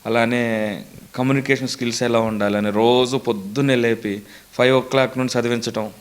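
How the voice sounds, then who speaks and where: A man's voice: medium pitch, fairly even intonation, fairly quick, clear, resonant tone. A young man, a mimicry artist answering interview questions earnestly, in a storytelling way. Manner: earnest, storytelling, lists names steadily.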